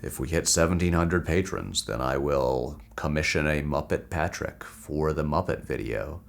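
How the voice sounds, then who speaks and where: A man hosting his video in casual talk, his voice unusually deep and lowered, rambling in a self-amused way. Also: lively intonation, moderate pace, creaky. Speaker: video host.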